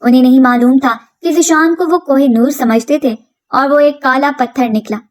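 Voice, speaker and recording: A woman narrates a scripted first-person story. Her voice sits high, and she reads with an earnest, dramatic storytelling manner. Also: moderate pace.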